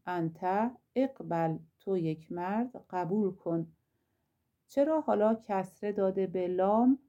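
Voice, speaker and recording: A woman's voice: on the low side, warm tone, lo-fi sound. A woman teaching a grammar lesson, explaining step by step with drill examples and asking rhetorical questions.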